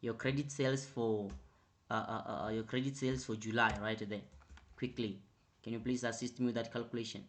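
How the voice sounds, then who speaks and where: A man's voice: medium pitch, steady tone. Man tutoring, prompting with repeated "right?". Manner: repetitive, prompting with "right?" and "quickly"; grows louder and more emphatic when explaining. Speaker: accounting tutor. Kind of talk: online revision lecture.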